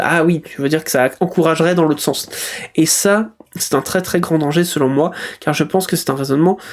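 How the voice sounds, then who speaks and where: A man's voice: a little high, darkish tone. A man hosting a live stream, reading out chat messages and musing on them in a casual, hesitant way, with frequent fillers and restarts. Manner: hesitant, many euh fillers and restarts, thinking aloud.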